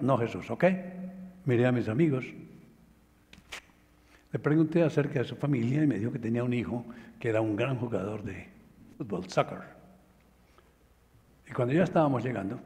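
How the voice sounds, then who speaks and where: A man's voice: mid-range voice, warm tone. Man preaching in a reverberant hall. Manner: storytelling, emphatic, slows down for key phrases. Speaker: pastor. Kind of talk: sermon.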